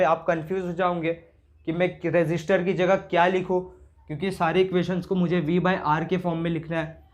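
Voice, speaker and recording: A man teaching circuit analysis, working through each step casually and asking himself questions as he goes. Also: high-pitched. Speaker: engineering teacher. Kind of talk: explaining circuit problems on a board.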